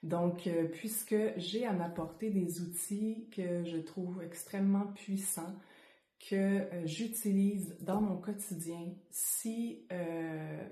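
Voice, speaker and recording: A woman with a Quebec French accent speaks in a soft-edged, mellow and fairly low voice, with a roomy echo around it. She teaches breathing exercises informally, pausing often as she finds her words. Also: fairly even intonation. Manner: hesitant, unscripted delivery with frequent pauses. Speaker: Kundalini yoga teacher. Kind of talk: informal guided breathing lesson to camera. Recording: roomy, echoing indoor sound.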